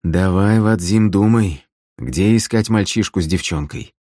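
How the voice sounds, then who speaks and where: A man voicing a terse, guarded young male assassin who asks quiet, pressing questions. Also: low voice, unhurried, no echo, studio quality.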